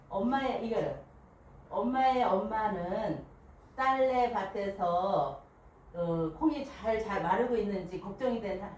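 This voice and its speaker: A woman reads a picture book aloud to a small group in an animated, expressive way, and she pauses to put questions to her listeners. Her pitch rises and falls freely as she tells the story. The mic is set some way off in a very echoey room, and a faint hiss sits under her voice. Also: far from the mic. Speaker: picture book reader at a book club.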